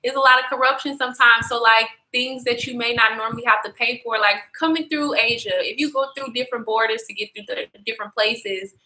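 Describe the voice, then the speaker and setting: Bright-voiced chatty young woman vlogger. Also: on the high side, steady tone, a little fast, hardly any pauses, low-quality recording. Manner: chatty, slangy and profane, talks to viewers directly. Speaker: travel vlogger. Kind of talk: casual livestream chat.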